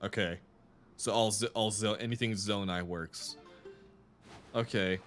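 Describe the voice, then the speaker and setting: A man's voice: fairly low pitch, steady tone, a little slow, a bit bright, soft background music. Chatty young man streaming a game. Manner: chatty, rambling, with many restarts and laughs. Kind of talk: casual live-stream chat while gaming.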